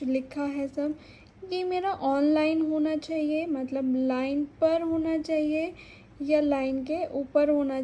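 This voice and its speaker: Slow, high-voiced woman teaching shorthand. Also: dark tone, slight background noise, rough recording. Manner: slow and patient, repeating words to sound out vowels. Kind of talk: explaining a stenography lesson.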